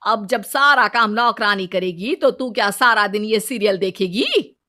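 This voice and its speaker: A woman's voice: mid-range voice, lively intonation, unhurried, bright, forceful tone. A woman voicing a bossy older mother-in-law who scolds and gives orders, in a storybook cartoon. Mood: scolding. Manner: scolding, commanding.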